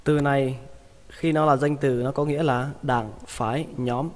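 A man teaching English vocabulary, repeating each word slowly and patiently. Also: medium pitch, steady tone, darkish tone, big-room sound. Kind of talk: vocabulary lesson.

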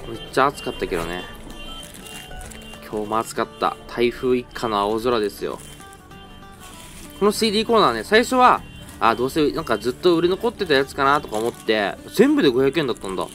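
Young man, rapid chatty vlog narration, bouncy up-and-down pitch, rambling, faint music behind. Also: very animated, a bit bright. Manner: chatty, rambling, self-correcting. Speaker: toy-hunting vlogger. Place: indoor parking garage flea market.

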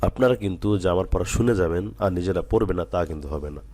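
A man teaching Quran letter reading, slowly reciting drills and then explaining with patient, earnest repetition. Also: low-pitched, expressive, warm tone.

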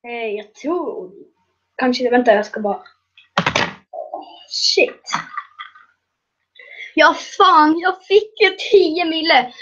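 A woman doing casual gaming commentary, excitable and prone to loud shrieking laughter. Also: high-pitched, pauses often, lo-fi sound. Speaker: gaming video creator.

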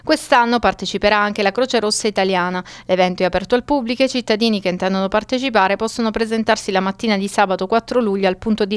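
A woman's voice: mid-range voice, clean tone, no room sound. Woman, news reader, formal, resonant voice, dry studio. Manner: even, formal delivery. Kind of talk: scripted news narration.

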